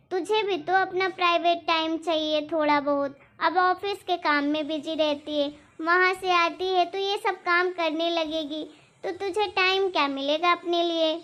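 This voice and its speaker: A woman voicing a kind, hardworking older mother-in-law in a cartoon, speaking in a gentle, patient, pleading way. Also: very high-pitched. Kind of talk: cartoon voice acting. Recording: dull lo-fi recording.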